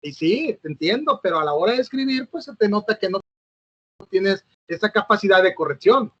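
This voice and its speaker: High-voiced man lecturing alone. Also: brisk, a bit bright, breathy edge, no room sound, lo-fi sound. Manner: hesitant, fillers and self-corrections, asks "¿no?". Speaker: teacher. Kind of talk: recorded online lecture.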